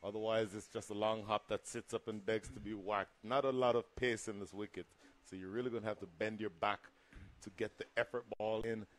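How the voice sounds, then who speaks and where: A man's voice: lowish voice, steady tone, brisk. A man giving live cricket commentary and analysis, explaining the play in a conversational way.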